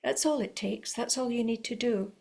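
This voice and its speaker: A middle-aged woman violin teacher giving a spoken lesson, talking in a calm, encouraging and unhurried way with frequent fillers. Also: on the high side, gravelly.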